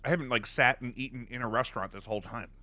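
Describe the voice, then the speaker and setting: A man's voice: medium pitch, racing, bright, forceful tone, no room sound. A man hosting a podcast while eating, asking rambling, joking questions full of fillers. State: eating during the show. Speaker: podcast host. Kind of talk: casual interview chat.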